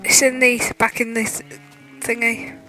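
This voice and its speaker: Co-host with a bright tense voice, mostly agreeing and laughing, faint music in back. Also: mid-range voice, completely flat delivery, unhurried, poor audio. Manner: agreeable, laughs along, short replies. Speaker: podcast co-host. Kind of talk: casual gaming chat while playing.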